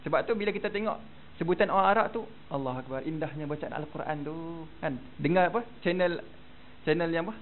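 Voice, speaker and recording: A Malaysian male religious teacher leading a Quran recitation class, modelling Arabic pronunciation and having students repeat after him. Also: a little high. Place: prayer hall. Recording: tinny phone-like recording with faint noise.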